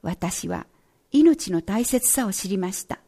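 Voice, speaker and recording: Gentle, mellow-voiced woman reading aloud. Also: medium pitch, lively intonation, husky. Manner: slow, measured, gentle reading. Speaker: radio announcer. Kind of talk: reading a prize-winning children's essay aloud.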